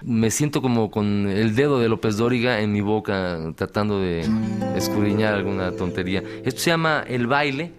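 A Mexican musician chats on the radio in a low, easy voice. He jokes and jabs with an irreverent, wry humor. Faint music plays softly in the background. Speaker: musician guest. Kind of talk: casual radio chat.

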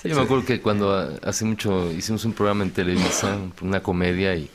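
A man's voice: low-pitched, steady tone, quick pace, background noise. A Mexican man, a musician guest on a radio show, chatting casually in a joking, wry and irreverent way.

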